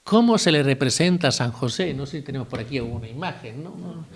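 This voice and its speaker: A man, giving a relaxed retreat talk as a priest, asking his listeners questions and adding asides. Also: medium pitch, fairly quick, creaky, husky. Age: 50s. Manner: conversational, asks listeners rhetorical questions, adds asides and jokes.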